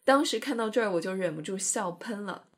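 A woman narrates an educational podcast teaching English, explaining in a chatty, playful way and demonstrating pronunciation carefully. Her mid-range voice is expressive and brisk.

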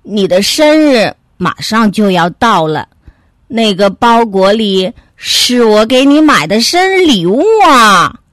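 A woman voicing a big, kindly male bear in a children's story, speaking deep and earnestly. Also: lively intonation, slow pace, no room sound, clean studio sound. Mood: angry. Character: big kindly bear brother, easily upset.

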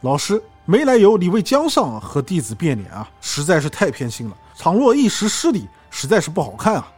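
Man reading a grieving young prince, pleading and defiant, a bit husky. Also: high-pitched, huge pitch swings, brisk, darkish tone, soft background music, exaggerated voice.

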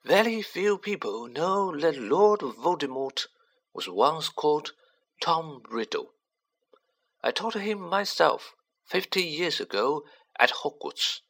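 A narrator puts on a very old wizard headmaster, gentle and wise. He speaks softly and slowly, in a raised, kindly register. A storybook voice with a bright tone. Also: fairly high pitch, sing-song, pitched above the performer's own voice, heavily acted. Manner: soft, measured and gentle.

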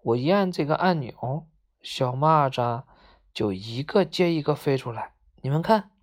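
A woman's voice: extremely low pitch, lively intonation, unhurried. A woman voicing a bossy young male dog who confidently explains the rules of a game.

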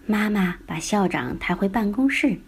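A woman storyteller narrating a bedtime story, gently addressing small children. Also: medium pitch, expressive, normal speed, breathy edge.

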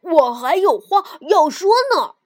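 A woman voicing a sulky little frog who scolds in a loud, indignant way. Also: high voice, animated, normal speed. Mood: scolding.

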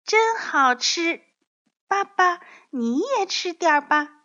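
A woman voicing a small, eager baby dinosaur in a storybook with a high, childlike voice. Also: expressive, slow, bright, forceful tone, heavily acted. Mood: happy. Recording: dull lo-fi audio.

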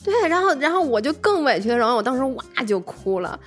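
A young woman talks casually on a podcast and tells her stories with lively animation, laughing often. Her voice sits a little high. Faint music plays underneath. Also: fast talker. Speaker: podcast co-host. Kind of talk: casual chat.

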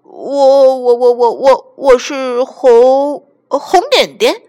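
A nervous little storybook chameleon stammers and stumbles over his words, full of "uh"s, as a woman puts him on. The voice sits high and swings widely. A soft husky grain runs through it. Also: expressive, slow pace. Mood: flustered. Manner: stammering with many "uh"s.

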